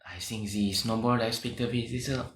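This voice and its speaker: A man co-hosting a casual chat about game design, soft-spoken and trailing off quietly. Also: mid-range voice, little pitch movement, fairly quick, roomy sound, background noise. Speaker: podcast co-host.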